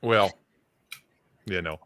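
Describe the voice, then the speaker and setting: Man through a deep voice changer. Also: extremely slow, clear, resonant tone. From Ohio. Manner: loose, swears freely. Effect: software voice changer shifting the voice deeper. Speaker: guest on a live stream. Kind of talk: casual chat.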